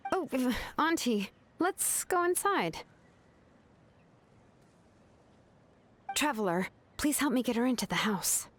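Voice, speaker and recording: A woman's voice: high voice, sing-song, normal speed, fairly bright tone, a little hiss or hum. A woman playing an easygoing, considerate young woman in a video game, speaking casually and reassuringly. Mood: concerned.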